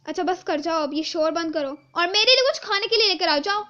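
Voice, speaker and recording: A woman playing a loud scolding stepmother. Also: very high-pitched, expressive, brisk, lo-fi sound, heavily acted. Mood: angry. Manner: shouting, scolding.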